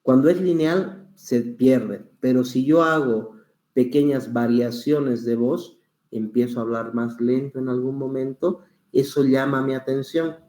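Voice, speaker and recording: Man teaching, mellow voice. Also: mid-range voice, echoey room. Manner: patient, explains with examples, varies pace and volume deliberately. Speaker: public speaking instructor. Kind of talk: online class teaching.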